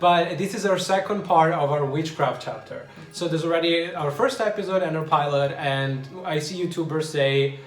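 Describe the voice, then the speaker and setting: Man hosting a chat show, joking and opinionated, fairly high pitch, roomy sound with faint music. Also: moderate pace. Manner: joking, opinionated, restarts sentences. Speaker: podcast host. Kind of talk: casual chat.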